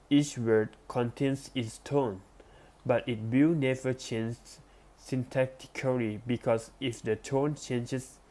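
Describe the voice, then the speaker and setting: A man reading an academic text aloud as a lesson, careful and deliberate, with small restarts. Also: mid-range voice, warm tone. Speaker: presenter.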